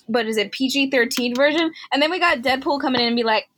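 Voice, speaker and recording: A young woman co-hosting a podcast in casual chat, animated, acting out reactions in loud quotes and laughing often. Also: high-pitched, fast talker, slight background noise. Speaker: podcast co-host.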